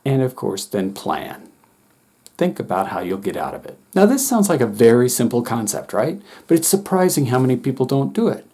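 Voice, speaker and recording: A middle-aged man, a former wilderness instructor, calmly explaining a coping technique to teachers in a steady, reassuring way. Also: mid-range voice, moderate pace. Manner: calm, steady, gently reassuring. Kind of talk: calm instructional talk to teachers.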